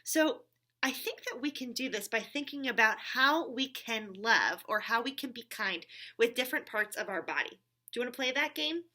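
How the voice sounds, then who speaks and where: Her voice sits a little high, with a sharp tone, animated delivery, and normal speed. She hosts a children's story time at church, talking simply and warmly to a puppet companion and checking in with the kids through frequent questions.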